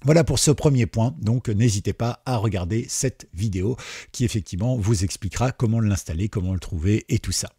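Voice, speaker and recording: A man hosting a screen-recorded software tutorial, talking in a relaxed, chatty way with many fillers. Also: fairly low pitch, a little fast, breathy edge, no room sound, clean studio sound. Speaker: tutorial host.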